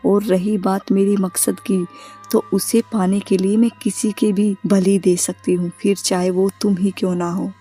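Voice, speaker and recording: A woman's voice: medium pitch, flat delivery, a little slow, mellow, husky, faint music behind. A woman voicing a ruthless scornful witch. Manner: cold, scornful threats. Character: vengeful ruthless female witch bride.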